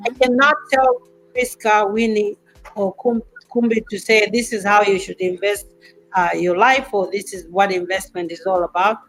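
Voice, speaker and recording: A woman's voice: mid-range voice, fairly even intonation, moderate pace, fairly bright tone, faint music behind, rough recording. A woman in her fifties hosting a casual panel talk show, making her points emphatically and repeating them for stress. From Zambia. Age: 50s.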